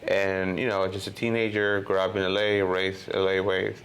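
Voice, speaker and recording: Interview guest, man from Honduras, 30s: deep gravelly voice, casual and rambling. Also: little pitch movement, normal speed, a bit bright, a little hiss or hum. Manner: rambling, lots of "you know" and "like" fillers. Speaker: guest filmmaker.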